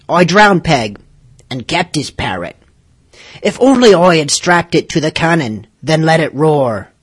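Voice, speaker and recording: A man's voice: fairly high pitch, husky. A man voicing a scary pirate who recites a grim parody shanty as a dramatic reading. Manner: theatrical, spooky storytelling.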